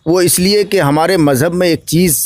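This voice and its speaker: A man's voice: a little high, moderate pace, darkish tone, dry recording. A man with a Bihari Hindi-Urdu accent answering interview questions as an election candidate, in a preacherly way that rises to emphatic declamation.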